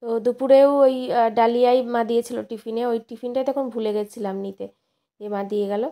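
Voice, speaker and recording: Chatty woman with a gravelly voice. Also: a little high, fairly even intonation, quick pace, mellow. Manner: chatty, rambling, self-correcting. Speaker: vlogger and schoolteacher. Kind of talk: casual vlog narration.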